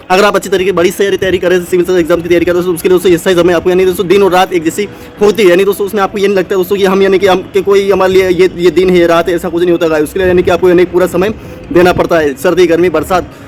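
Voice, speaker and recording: A man's voice: sits high, slight background noise. A man giving an unscripted motivational talk to exam students, rambling with many fillers and restarts. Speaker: motivational channel host.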